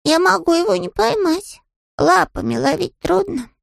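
A man's voice: extremely high pitch, animated, normal speed, gravelly, a bit bright, no room sound, studio quality, voice pushed up, exaggerated voice. A man voicing a naive, polite young male bear in an audiobook, earnest and innocent in manner. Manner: earnest, innocent, matter-of-fact. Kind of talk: audiobook character voice.

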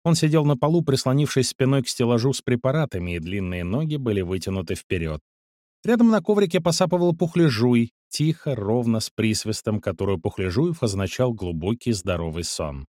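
A man reading a first-person story aloud, in a measured, calm and precise storytelling manner. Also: medium pitch, no echo, studio quality. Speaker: audiobook narrator. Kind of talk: first-person scripted narration.

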